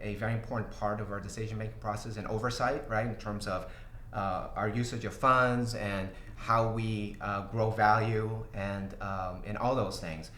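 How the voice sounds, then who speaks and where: A middle-aged Brazilian company CEO, a native Portuguese speaker, hosts a casual livestream Q&A (an AMA) from a small office studio with glass walls, and the audio has a roomy office sound. His voice is on the low side and a bit bright, with fairly even intonation and a little hiss or hum. He speaks haltingly with lots of uhs, ums and restarts, and laughs easily.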